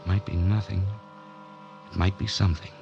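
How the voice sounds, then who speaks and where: A gravelly, low-sitting voice delivers brisk, flat narration as an actor portrays a broke, hunted man in terse 1940s radio noir slang. The tone is tense and weary, and the recording is muffled vintage radio with music underneath.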